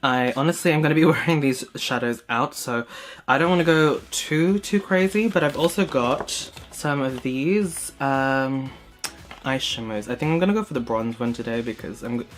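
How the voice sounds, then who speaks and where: A man's voice: mid-range voice, normal speed, slight background noise. A young man from Hong Kong, a beauty vlogger, chatting casually with many fillers while narrating his makeup steps in a small room. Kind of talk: casual get-ready-with-me chat. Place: small indoor room, plain backdrop.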